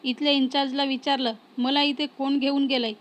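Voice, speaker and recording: A woman reading the lines of a tender young man in a storybook romance, in a soft, even way. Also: sits high, brisk, lightly acted.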